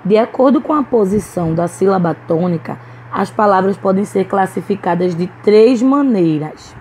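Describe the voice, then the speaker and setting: A woman's voice: medium pitch, lively intonation, moderate pace, warm tone, a little hiss or hum, rough recording. A woman teacher with a Brazilian Portuguese accent giving a recorded lesson to young children, patiently sounding out words syllable by syllable. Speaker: primary school teacher. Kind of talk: recorded online class.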